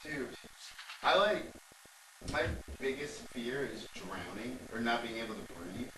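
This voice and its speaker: A man's voice: mid-range voice, lively intonation, measured pace. A tipsy young man joking crudely with friends, heard on an old camcorder tape. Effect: old camcorder tape sound. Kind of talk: casual chat among friends. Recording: roomy, noisy camcorder audio from a distance.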